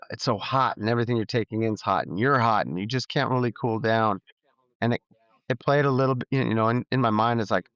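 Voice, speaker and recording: Smooth-voiced man, easygoing podcast guest. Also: medium pitch, dry recording. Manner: relaxed storytelling with many "like" fillers. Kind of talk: casual interview chat. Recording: slightly dull, dry sound.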